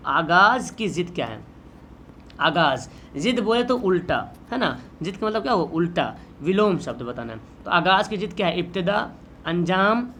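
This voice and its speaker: A man's voice: high-pitched, a bit bright, a little hiss or hum. Bihari man teaching an exam-prep lesson. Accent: Bihari Hindi. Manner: explains patiently, repeats questions back to students.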